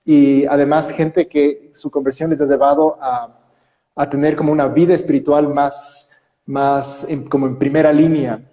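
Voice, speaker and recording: A priest hosts a conversational interview, asking questions in a friendly, enthusiastic way. His voice is fairly high and mellow, with a level tone and a normal speed. The room is echoey, with long reverb.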